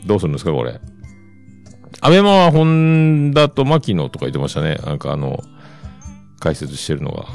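A man's voice: low voice, wildly swooping pitch, a little fast, vocal fry, long pauses, darkish tone, faint music behind. A man in his fifties with a Kansai accent, hosting a podcast in casual solo chat, rambling along with loose asides. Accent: Kansai Japanese. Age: 50s. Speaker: podcast host.

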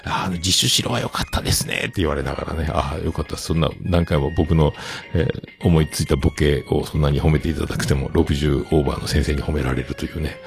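A man's voice: a bass voice, fairly even intonation, fast talker, creaky, hardly any pauses, a little mellow. A middle-aged man hosting a show, chatting casually as he tells family stories and acts out other people's lines. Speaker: host. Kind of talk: casual storytelling monologue.

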